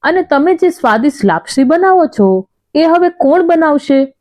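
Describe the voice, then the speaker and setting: A woman's voice: sits high, big pitch swings, normal speed, a little mellow, voice pushed up. A woman narrator voicing a tearful five-year-old boy begging his grandmother to come along. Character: small boy of five, crying.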